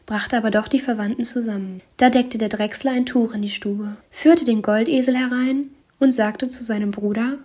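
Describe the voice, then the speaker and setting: A woman narrating a fairy tale in a lively storytelling manner, sometimes dropping to soft whispers. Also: on the high side, moderate pace, hardly any pauses.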